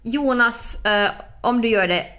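A young woman co-hosting a podcast in casual, playful chat, full of fillers and quick asides. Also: fairly high pitch, fairly bright tone. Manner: chatty, filler-heavy, playful. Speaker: podcast co-host.

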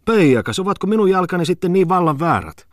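A man voicing a sarcastic, quick-tempered middle-aged judge in an audiobook. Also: high voice, very animated, no echo, clean studio sound, pitched above the performer's own voice. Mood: indignant. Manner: mocking, indignant.

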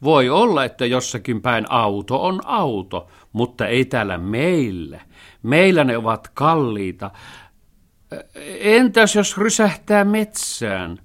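A man's voice: expressive, natural voice. A man voicing a thrifty, fussy male house cat who scolds and worries about money in a storybook reading. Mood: scolding. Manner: scolding, worried, high and loud.

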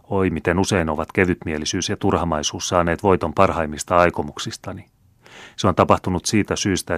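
A man's voice: low-pitched, no echo, studio quality, close to an everyday voice. A man reading the lines of a remorseful noble count in an audiobook, in an earnest, heartfelt way. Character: noble middle-aged male count, remorseful.

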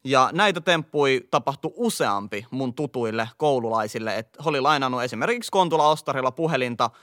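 A man's voice: medium pitch, lively intonation, a bit bright, dry recording, clean studio sound. A man from Helsinki's eastern suburbs with a local slang accent, co-hosting a podcast and giving emphatic advice. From Finland. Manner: emphatic, lecturing tone. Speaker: podcast co-host. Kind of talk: casual chat, giving advice.

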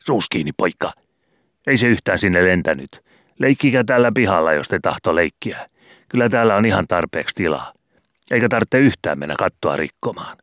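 A man doing a shrill, scolding landlady. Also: expressive, fairly bright tone, no echo, studio quality. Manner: barking, in broken ungrammatical speech. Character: scolding middle-aged landlady, shrill and bossy.

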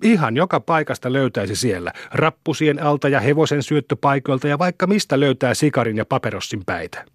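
A man's voice: medium pitch, animated, hardly any pauses, dry recording, studio quality, lightly acted. A man voicing a boastful, rowdy young village boy who brags and hurls taunts. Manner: bragging, taunting shouts.

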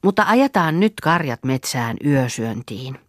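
A woman's voice: a bass voice, very animated, dry recording, studio quality. A woman voicing a practical young girl who organizes the others in a matter-of-fact way, in a storybook reading. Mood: directing.

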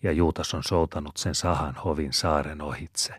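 Guy narrating an audiobook, steady reading, really deep husky voice. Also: no room sound, studio quality. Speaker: audiobook reader. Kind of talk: narrating a novel aloud.

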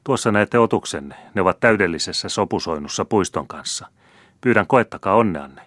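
A haughty, scornful young nobleman, put on by a male audiobook reader, sneering and careless with everyone he speaks to. His voice sits low and close, with a dry, deadened sound. He mocks the people below him without effort. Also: lively intonation, fairly bright tone, dry recording. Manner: haughty, mocking.

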